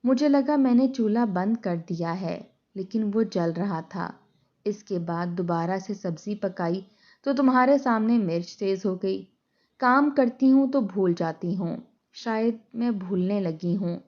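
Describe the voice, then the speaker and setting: A woman voicing a gentle, forgetful old mother. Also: medium pitch, unhurried, close to an everyday voice. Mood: pleading. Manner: pleading, soft-spoken. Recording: dull lo-fi recording.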